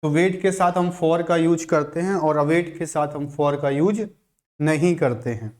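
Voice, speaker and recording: A male teacher giving a grammar lesson for exam prep, restating each rule slowly and repeating himself. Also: a little high, a little mellow. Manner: slow, repetitive explaining, restating each rule.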